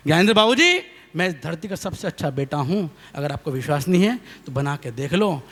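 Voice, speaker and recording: High bright comic poet on stage. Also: male voice, brisk. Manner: loud animated stage delivery, calls for applause. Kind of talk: comic storytelling at a poetry recital. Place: stage at a live recital. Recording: reverberant hall sound.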